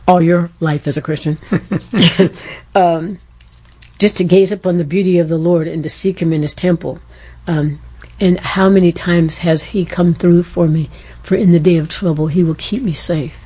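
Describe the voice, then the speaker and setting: Older woman with a dark, husky voice. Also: lowish voice, fairly even intonation, normal speed, long pauses. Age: 70s. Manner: rambling, storytelling with laughs and self-corrections. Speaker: radio guest.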